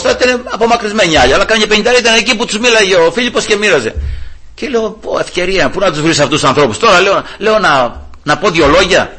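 A man's voice: high-pitched, husky. A man preaching a Bible study sermon to his congregation, telling stories with animation and often addressing the listeners as brothers. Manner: animated storytelling, rising loud for retold shouts. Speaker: pastor.

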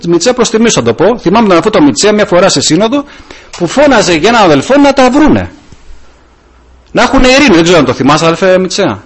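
A man's voice: high-pitched, husky. A middle-aged man, a deacon, giving an informal sermon full of personal stories, acting out the dialogue. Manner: animated storytelling, acting out dialogue. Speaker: deacon preaching.

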